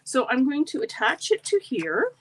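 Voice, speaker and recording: This middle-aged woman's voice is high-pitched and slightly froggy, with huge pitch swings at a moderate pace, as she leads a live card-making tutorial. Chatty and friendly, she makes asides to viewers over background noise.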